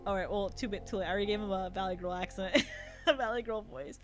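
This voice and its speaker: A woman's voice: medium pitch, fairly even intonation, fast, faint music behind. A woman streamer, informal and giggly, chatting casually and reading a game's narration aloud. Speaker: game streamer. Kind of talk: casual chat and read-aloud narration of a game.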